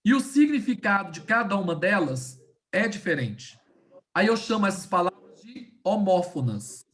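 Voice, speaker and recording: Woman teaching over a video call, patient step by step explaining, slows right down on the key words, keeps checking everyone's following, middle-pitched voice. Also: very animated, fairly bright tone. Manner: didactic, checks in often with "tá?" and "né?". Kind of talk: online class lecture.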